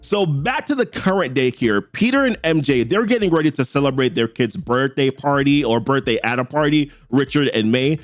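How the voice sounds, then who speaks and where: A young man with a Jamaican accent and a fairly high voice hosts a comic book channel, recapping a comic story in a casual, slangy way. He's chatty and reads character lines in quick quotes. The recording has no room sound.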